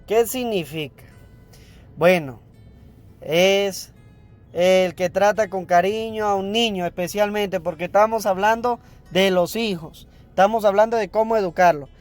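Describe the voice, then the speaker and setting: A man's voice: high-pitched, slow, faint music behind. A male priest preaching on raising children. He explains by repeating and rephrasing his points, asks the listeners questions, and acts out parents and children in everyday examples. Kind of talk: sermon on parenting.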